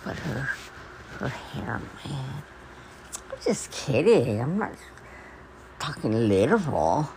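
A woman with toothless, gummy articulation, as if gumming soft food, rambling in a halting, repetitive, confiding monologue. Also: rumbling low, sing-song, noisy background. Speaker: personal podcaster. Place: at home.

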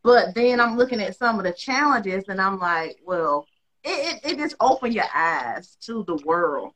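A woman's voice: medium pitch, animated, unhurried, a bit bright, low-quality recording. A woman hosting a casual chat, blunt and emphatic, swearing freely.

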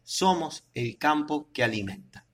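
A man with an Argentine accent reading a scripted news report in a steady, measured way. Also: a little high. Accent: Argentine Spanish. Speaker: radio reporter.

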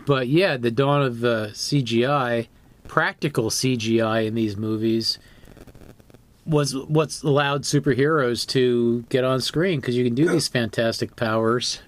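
A man co-hosting a podcast, talking in a steady, measured, casual way. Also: mid-range voice. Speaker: podcast co-host. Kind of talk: casual chat.

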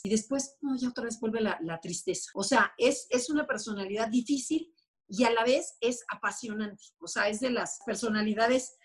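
Husky woman explaining eagerly. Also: on the high side. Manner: animated, acts out quoted voices. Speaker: enneagram expert guest. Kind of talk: explanatory conversational talk.

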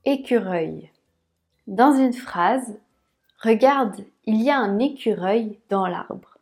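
Slow, careful French pronunciation teacher, female. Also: on the high side, darkish tone. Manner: repeats words slowly, syllable by syllable.

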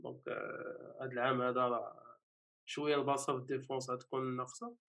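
A man's voice: medium pitch, little pitch movement, creaky, a bit bright. A man with a Moroccan Arabic accent in casual football talk, restarting his sentences and mixing in French words. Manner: halting restarts, mixes French words into speech. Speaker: football pundit.

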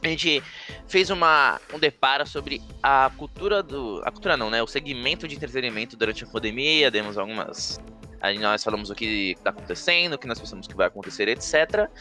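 Brazilian guy chatting on his podcast, bright forceful voice, slangy, music behind. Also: medium pitch, expressive, fairly quick. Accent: Brazilian Portuguese. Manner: slangy, informal, swears casually. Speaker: podcast host. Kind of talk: casual chatty podcast talk.

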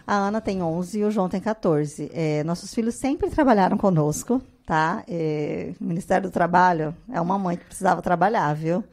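A woman in her thirties from Brazil, a guest on a casual podcast, telling stories and acting out quotes in a raised voice. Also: on the low side. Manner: animated storyteller, acts out quotes in a raised voice. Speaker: guest, artisan biscuit maker.

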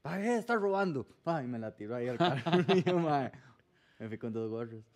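A Costa Rican man chatting casually on a podcast, telling his own story in local slang. His voice sits at an ordinary mid pitch for a man, and he drops quoted lines into the telling. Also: lively intonation, brisk, darkish tone.

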